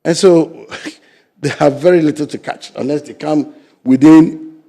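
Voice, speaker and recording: With fairly even intonation, a measured pace and vocal fry, an older Ghanaian man argues emphatically in a studio interview. He speaks Ghanaian-accented English as a fisheries sector guest, swinging from loud stresses to low asides.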